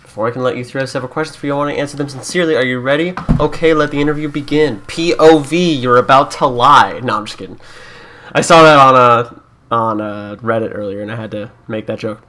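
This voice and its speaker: A man's voice: mid-range voice, fast, sharp tone. Chatty Canadian man gaming. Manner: chatty, joking, reads game prompts aloud and laughs often. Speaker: YouTuber. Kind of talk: casual let's-play commentary.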